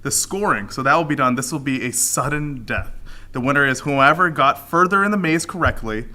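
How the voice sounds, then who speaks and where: Bright-voiced man co-commentating. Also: medium pitch, animated, brisk. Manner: casual, chatty, reads rules aloud. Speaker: livestream co-commentator. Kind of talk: live event commentary.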